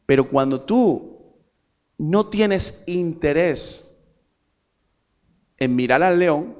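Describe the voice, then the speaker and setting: A man from Spain preaching a sermon to a congregation. He keeps asking them rhetorical questions and swings from loud, emphatic peaks to quiet asides. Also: fairly high pitch, animated, drawn-out words. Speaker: pastor.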